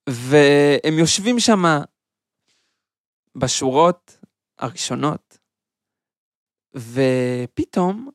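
A man hosting a radio show, telling a funny story with animated delivery and plenty of fillers. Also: fairly high pitch, dry recording, studio quality. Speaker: radio host.

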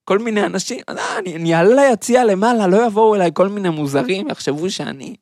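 A hulking bald man, gruff and fed up, snapping short denials, as a storyteller puts him on. His voice sits at a middle pitch, with a lively rise and fall, close and dry on the mic. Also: dry recording. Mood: muttering to himself. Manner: blunt, irritated denials.

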